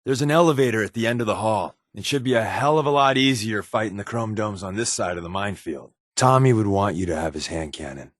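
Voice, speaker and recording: A secretive, glib, irreverent spy companion from a video game talks in a sardonic, offhand, conversational way, like someone accustomed to undercover work, with a matter-of-fact mood. His voice sits a little low, with lively intonation, and he talks fast with hardly any pauses. The recording is close and dry.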